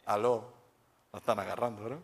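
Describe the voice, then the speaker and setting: A man's voice: on the low side, steady tone, brisk, vocal fry. A male pastor preaching a sermon, conversational and humorous, often checking in with his congregation.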